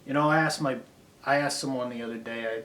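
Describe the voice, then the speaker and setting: A man's voice: mid-range voice, steady tone, fast, fairly bright tone. Guy in an echoey room going off on a long swearing rant, mid voice, kinda philosophical and self-hating. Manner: profane, drifting, philosophical ranting. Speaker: vlogger. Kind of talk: rambling self-critical monologue. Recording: roomy echo.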